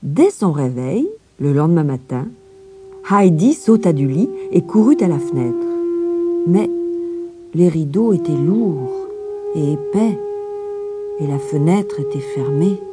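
A woman narrating a children's storybook with an expressive, storytelling cadence. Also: low voice, takes it slowly, pauses often. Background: music.

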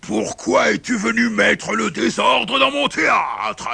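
Storybook villain-showman,: gravelly, raspy, slow and booming. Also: sing-song, bright, forceful tone, dry recording, heavily acted. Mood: bellowing. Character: huge fierce bearded male puppet-theatre director. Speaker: storybook character.

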